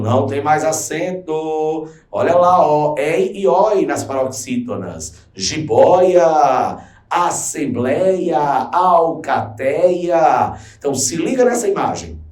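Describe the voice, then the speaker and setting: Lively, chatty man teaching grammar. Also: on the high side, recorded from a distance. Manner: chatty and slangy, checks in with viewers. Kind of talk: exam-prep grammar lesson. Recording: roomy echo, voice from off the mic.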